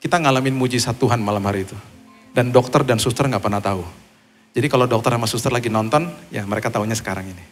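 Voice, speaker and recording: Male pastor, sermon with testimony; animated storyteller who acts out quoted voices. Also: mid-range voice, fast talker, faint music behind.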